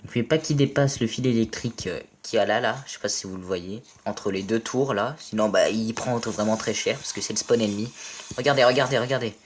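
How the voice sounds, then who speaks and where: Excitable French gamer with a low voice. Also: male voice, fairly quick, a little hiss or hum. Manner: playful, excitable, yells and swears at teammates. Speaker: gaming video commentator. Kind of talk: casual gameplay commentary.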